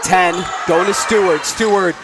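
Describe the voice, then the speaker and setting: A man calling a high school volleyball game play by play, with rapid excited calls that often rise to a shout. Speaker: play-by-play announcer. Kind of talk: live volleyball commentary. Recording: distant mic, loud crowd and gym noise.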